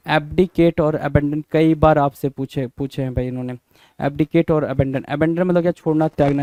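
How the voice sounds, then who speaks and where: A man's voice: a little high, mellow, no echo. Man teaching vocabulary, spelling words aloud. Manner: repeats words, spells them out letter by letter, asks and answers himself; informal, addresses students as brother. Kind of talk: exam-prep lesson, call and response.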